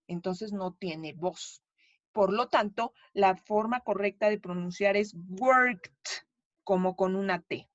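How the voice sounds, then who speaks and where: A woman's voice: medium pitch, no room sound, highs cut off. A woman with a Mexican Spanish accent, explaining pronunciation to her class in a patient, chatty way and checking in often with her students. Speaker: English teacher.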